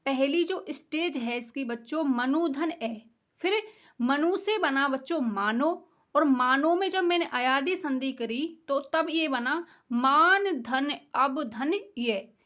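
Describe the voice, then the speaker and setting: A woman's voice: high-pitched, slow, fairly bright tone. A woman teaching a grammar lesson, explaining step by step, asking her students questions and answering them herself.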